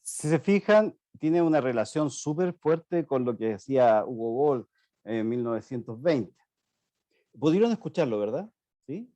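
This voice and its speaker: A man with a mellow, medium-pitched voice gives a lecture, explaining artworks and speaking straight to his listeners. The sound is dry and close. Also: lively intonation, a little slow, no echo. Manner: explanatory, addresses the audience directly. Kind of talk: online art history talk.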